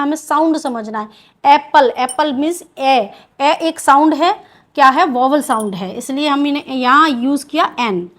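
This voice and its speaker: A woman with an Indian accent teaching English grammar in a video lesson, asking questions and answering them herself. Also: sits high.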